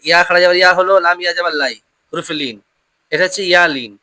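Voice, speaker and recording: A Quran reading teacher giving a patient lesson, drilling pronunciation call-and-response, often repeating questions and slowing down to model each word. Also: medium pitch, pushed and bright, dry recording, faint music behind.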